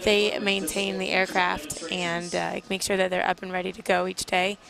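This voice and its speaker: A woman's voice: medium pitch, level tone, moderate pace, gravelly, a crowd in the background, poor audio. Woman giving informal live airshow commentary. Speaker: military flight demonstration team member, guest air show commentator. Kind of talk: live air show commentary in an interview.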